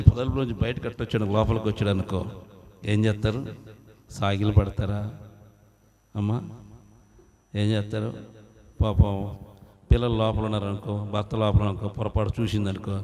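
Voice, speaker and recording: Fervent preacher with wide pitch swings. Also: male voice, level tone, normal speed, long pauses, mellow. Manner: fervent, calls out hallelujahs, questions the congregation. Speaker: pastor. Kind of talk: sermon.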